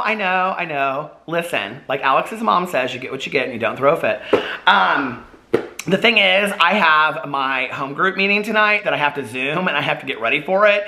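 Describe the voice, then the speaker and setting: Casually vlogging, this man reads his own storybook aloud between bits of casual chat, in a chatty, playful, informal manner. His voice is slightly high, bright and forceful.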